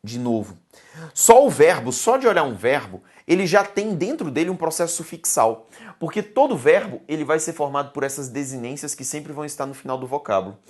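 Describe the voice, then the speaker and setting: Lively Brazilian woman teaching grammar. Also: deep voice, fairly quick. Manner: emphatic, keeps calling students to look and pay attention; affectionate, calls viewers "my dears". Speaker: exam-prep teacher. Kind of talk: online grammar lesson.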